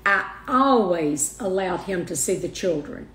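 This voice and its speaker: An older woman speaking as a guest in a heartfelt interview, soft and halting, often restarting her sentences. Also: fairly low pitch, expressive. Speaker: guest, mother of the host. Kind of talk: emotional personal interview. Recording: roomy echo.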